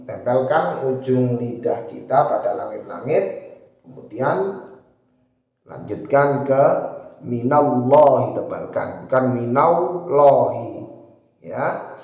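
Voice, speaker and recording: A man teaching tajwid, who explains the rules slowly and then chants the verses in a higher, drawn-out voice. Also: darkish tone. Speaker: Quran recitation teacher. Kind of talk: tajwid lesson with chanted recitation. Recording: roomy echo with long reverb.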